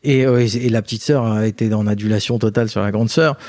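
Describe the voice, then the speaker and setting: A man's voice: fairly low pitch, quick pace, no room sound, clean studio sound. A man, a guest and father, telling family stories in a casual interview, acting out the voices of the people he quotes. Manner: animated anecdotes, acts out quoted voices.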